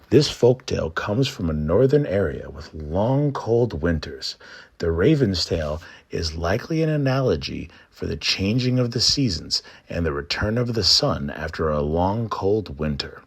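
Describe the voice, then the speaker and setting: A man narrating a scripted trickster folktale and explaining it in an expressive storytelling manner. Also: deep voice, breathy edge. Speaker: storyteller and presenter.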